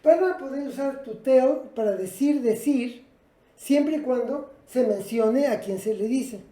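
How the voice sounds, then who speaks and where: A woman's voice: high-pitched, a little slow, warm tone. Patient teacher woman in an echoey room. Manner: patient, explanatory, addresses students directly. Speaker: English teacher. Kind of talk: classroom lesson at a whiteboard.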